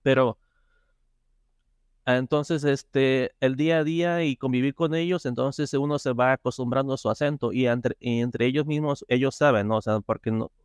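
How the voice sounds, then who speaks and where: A man's voice: mid-range voice, moderate pace, clear, resonant tone, no room sound, clean studio sound. A man, guest in a casual interview, talking hesitantly with many fillers and restarts. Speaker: interview guest, software tester.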